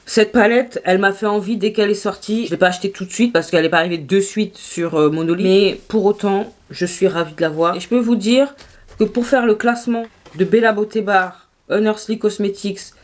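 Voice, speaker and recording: A woman with a French accent, chatting casually through a makeup review, animated and quick to laugh. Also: mid-range voice. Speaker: beauty vlogger.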